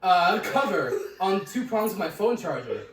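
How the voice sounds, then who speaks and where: A man's voice: sits high, sing-song, a little slow, fairly bright tone. A young man telling crude anecdotes in casual chat and laughing through them as he rambles. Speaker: podcast co-host. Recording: echoey room, distant mic, crowd behind.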